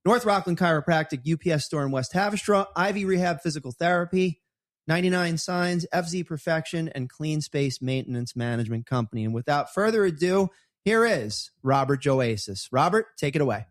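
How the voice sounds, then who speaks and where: A man's voice: a little high, brisk, dry recording, clean studio sound. Upbeat man reading local news. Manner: upbeat, with fillers. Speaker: news presenter. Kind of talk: casual local news read.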